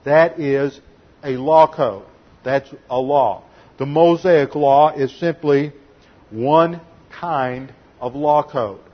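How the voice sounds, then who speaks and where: A man preaching an expository Bible teaching sermon, explaining terms in a deliberate teaching tone and slowing down to stress key words. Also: fairly high pitch, muffled recording. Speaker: pastor.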